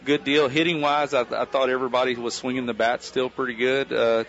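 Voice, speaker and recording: A man with an American accent delivers post-game sports commentary in a medium-pitched voice. His phrasing is colloquial and folksy. The sound is dull and low in fidelity, like small-station radio. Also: little pitch movement, brisk, a bit bright. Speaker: baseball play-by-play announcer.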